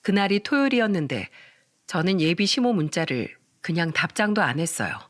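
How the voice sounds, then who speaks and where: A woman's voice: fairly low pitch, very animated, brisk, dry recording, studio quality. A woman narrating a scripted first-person story with emotional retelling.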